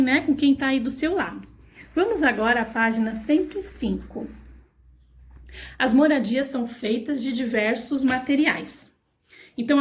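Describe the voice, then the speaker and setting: A woman teacher from Brazil giving a recorded online lesson to young children, patiently spelling out words syllable by syllable and asking the kids questions. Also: high voice. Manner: asks the children questions, coaxing. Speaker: primary school teacher.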